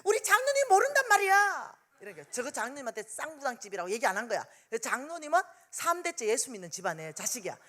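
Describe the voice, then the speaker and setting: Lively Gyeongsang-accented woman preacher. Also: fairly high pitch, fast talker, few pauses. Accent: Gyeongsang Korean. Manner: animated, acts out dialogue in story. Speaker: revival meeting speaker. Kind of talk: storytelling sermon.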